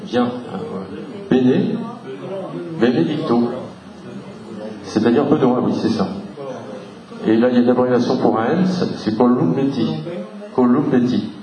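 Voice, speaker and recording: In a hall with a live audience, a local history lecturer gives a public talk, unhurried and explanatory, spelling out letters from his slides. His voice is at an ordinary middle pitch for a man, but he sounds far from the microphone, with room echo, dull audio and a crowd in the background.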